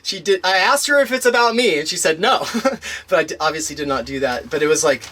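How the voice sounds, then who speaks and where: Rambling animated man telling a story. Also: a little high, a little fast. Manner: rambling, frequent restarts and fillers, animated retelling. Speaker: interviewee. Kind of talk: casual conversational storytelling.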